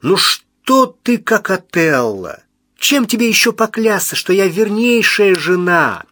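A man's voice: a little high, lively intonation, normal speed, a bit bright, no room sound, voice pushed up. A male reader's take on a mischievous young wife, lifted well above his own voice. She pouts and coaxes with mock offense. The sound is dry and close. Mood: indignant. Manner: pouting, coaxing, mock-offended. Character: playful young wife, teasing and indignant. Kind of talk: audiobook character voice.

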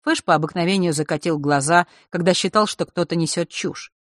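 A man narrating a young-adult fantasy audiobook in an even, measured way. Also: fairly high pitch, dry recording. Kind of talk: scripted narration.

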